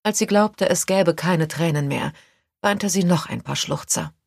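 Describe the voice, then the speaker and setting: Low-voiced woman reading a novel aloud. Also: a little slow, gravelly, darkish tone, husky, no room sound. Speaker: audiobook narrator. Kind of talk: scripted narration.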